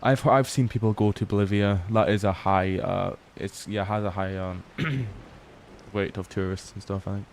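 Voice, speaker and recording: A young man with a low voice talks to his stream at a late hour, sounding worn out. His delivery stays flat and relaxed, full of swearing and remarks to chat. Faint ambient game sound sits quietly behind him. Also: moderate pace, a little hiss or hum. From Scotland. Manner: relaxed, swears often, reads chat aloud. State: tired. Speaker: livestream host.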